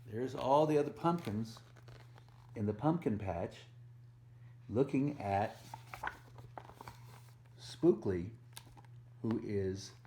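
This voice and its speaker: Reading a picture book to preschoolers as a volunteer, a man with a fairly low, warm voice stresses the rhymes and tosses in simple asides and questions for his young audience.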